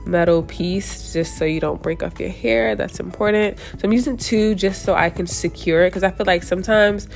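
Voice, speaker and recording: This young hair vlogger has a fairly low, stuffy, congested voice with vocal fry, speaking at a moderate pace with hardly any pauses over soft background music. She chats loosely as she works through a hair tutorial, frequently restarting and correcting herself.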